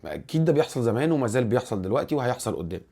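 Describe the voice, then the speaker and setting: A man with an Egyptian accent hosting a casual football commentary vlog, animated and rambling, restarting his words often. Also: mid-range voice, rapid-fire, creaky. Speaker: football channel host.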